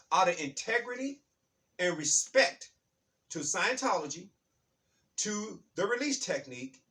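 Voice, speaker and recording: A man with a fairly high voice gives a self-recorded spiritual self-help monologue. He rambles, circles back and trips over his words. He sits some way from the mic, so his voice sounds distant. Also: bright, forceful tone. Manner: rambling, repeats himself, restarts phrases. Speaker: self-help channel host. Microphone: self-recorded on his own device. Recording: voice distant from the microphone.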